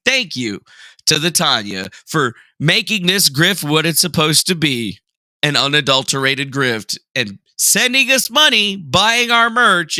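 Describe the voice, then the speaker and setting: Reading chat aloud and reacting, this young man hosts a livestream in a casual, sarcastic, self-deprecating, joking way. The voice is a little high, pushed and bright, recorded with no room sound.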